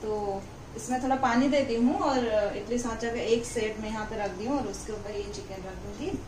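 A woman's voice: fairly high pitch, normal speed, noisy background. A woman hosting a cooking channel, explaining each step of a recipe to viewers from her home kitchen. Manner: explains steps plainly, addresses viewers directly.

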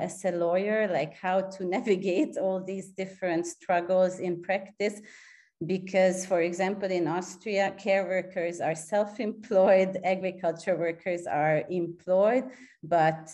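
A woman from Hungary, speaking in a fairly low, slightly mellow voice, poses a long, probing question as an audience member at an online seminar over video call. She restarts often and uses many fillers.

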